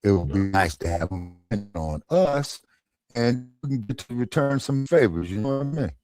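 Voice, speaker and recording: A man's voice: on the low side, lively intonation, moderate pace, warm tone. A man talking casually and emphatically, his voice muffled and underwater-sounding through a faulty headset mic on a streaming app. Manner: profane, rambling, emphatic. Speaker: show co-host. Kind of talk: casual political talk.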